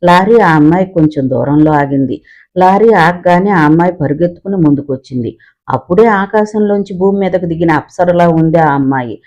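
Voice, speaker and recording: A man narrating a story in a lively, descriptive storytelling manner. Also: fairly high pitch, brisk, highs cut off.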